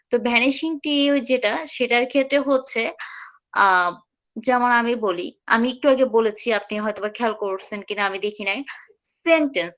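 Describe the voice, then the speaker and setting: A woman teaching English pronunciation in an online live class, patiently repeating words slowly and mixing in English phrases. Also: fairly high pitch, a bit bright, lo-fi sound.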